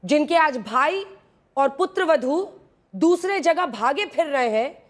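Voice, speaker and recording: A woman news anchor moderating a heated TV debate, pressing a panelist and cutting in with sharp questions. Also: sits high, animated, slow pace.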